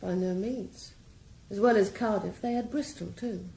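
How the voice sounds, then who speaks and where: With a creaky, dark-toned voice of medium pitch, an actress unhurriedly plays a radio drama's criminal mastermind, a ruthless female drug boss. She sounds cool, composed and mocking, with roomy echo and a faint hiss in the background.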